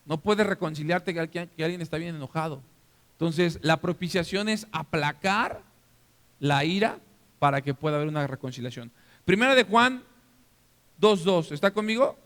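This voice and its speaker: A Mexican-accented male pastor with a notably high voice, preaching in a lively, hands-on way and often asking the congregation if they're with him. His voice rings out through a church hall with long, lingering reverb. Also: moderate pace. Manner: interactive, keeps checking the congregation is following; animated, acts out scenes for the listeners. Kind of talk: sermon.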